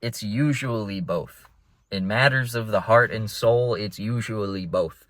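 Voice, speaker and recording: A man's voice: fairly low pitch, measured pace, a bit bright, no echo. A young man vlogging from inside a car, rambling in a laid-back way and calling his listeners bro. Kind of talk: casual rambling monologue.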